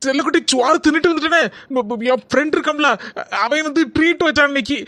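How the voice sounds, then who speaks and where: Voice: sits high, fairly even intonation, quick pace, natural voice. A performer voicing an evasive young husband in a cartoon, coaxing and stammering in a Kanyakumari Tamil accent. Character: sheepish young husband, evasive and sweet-talking.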